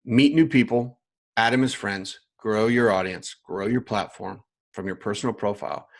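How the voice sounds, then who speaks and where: A man who coaches other coaches, teaching live online from a screen share, with emphatic repetition and frequent check-ins with viewers. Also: lowish voice. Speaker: business coach.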